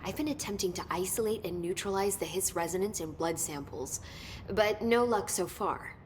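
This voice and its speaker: Speaking at normal speed in a natural voice, this actress plays a brainy, earnest scientist in a video game, keen and excited as she explains technical details. The acting feels naturalistic, and a faint rumble runs under the recording.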